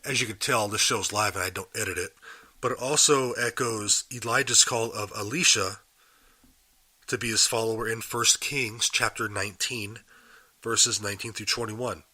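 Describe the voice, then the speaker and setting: On his daily Bible podcast, recorded live and unedited, a man still shaking off a cold speaks in a slightly raspy, lowish voice. He explains a passage earnestly at a moderate pace, his tone steady yet sharp, and puts questions to those listening.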